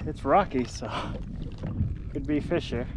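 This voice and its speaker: A man in his thirties casually talking to himself while fishing from a kayak out on the sea, giving relaxed running commentary on each catch. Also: medium pitch, measured pace. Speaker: kayak angler. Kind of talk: casual self-narrated fishing vlog. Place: kayak on open sea, outdoors. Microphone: action camera mounted on kayak. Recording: wind and sea noise on action cam. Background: wind and water noise.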